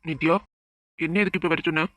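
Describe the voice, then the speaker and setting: Voice actor as a fast-talking scolding cartoon young man. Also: mid-range voice, level tone, loud music behind the voice, natural voice. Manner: scolding, exasperated. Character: young man, stern, reasoning cousin. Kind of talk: cartoon drama dialogue.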